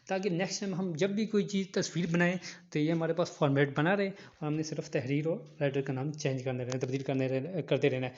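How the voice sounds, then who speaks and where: A man's voice: fairly high pitch, a little mellow, muffled recording. A man teaching a phone editing app step by step, repeating key instructions. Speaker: online teacher. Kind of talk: screen-recorded app tutorial.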